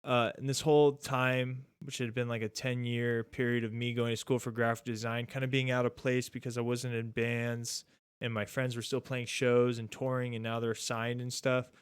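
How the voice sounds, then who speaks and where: Hosting his podcast, a relaxed man in his thirties drifts from thought to thought, saying "dude" and "like" constantly. His voice is smooth, resonant and mid-pitched, and he keeps a moderate pace. Miked close and dry, the audio has no room sound.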